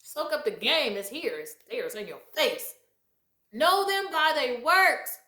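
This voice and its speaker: A woman's voice: sits high, very animated, unhurried, sharp tone, roomy sound. A woman giving blunt life advice in a casual, emphatic and preachy monologue, laughing often.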